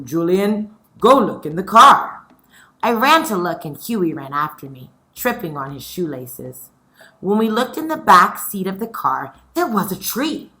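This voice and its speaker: In this read-aloud lesson, a woman instructs a class of young children, posing questions with pauses and bringing the stories to life. She has a mid-range voice with a sharp tone.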